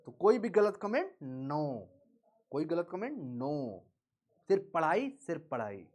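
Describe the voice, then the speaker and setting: Playful male teacher, slow. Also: a little high, very animated, darkish tone. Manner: playful, teasing, drills students with call-and-response. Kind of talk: live online class lecture.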